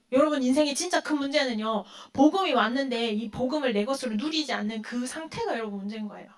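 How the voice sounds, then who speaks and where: A woman's voice: high-pitched, fairly bright tone. A woman giving a sermon to a youth group, asking her listeners questions and then answering them herself, and acting out the quoted lines. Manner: acts out quoted lines in a dramatic voice. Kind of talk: sermon to teenagers.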